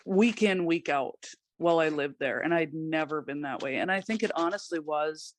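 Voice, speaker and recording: A woman guest on a podcast, giving personal testimony in a halting way, with many pauses and restarts. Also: sits low, a little hiss or hum.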